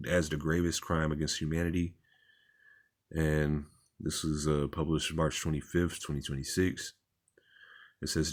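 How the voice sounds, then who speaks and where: A religious commentator with a rumbling low voice reads articles aloud and comments on them. His style is informal, repetitive and plain-spoken.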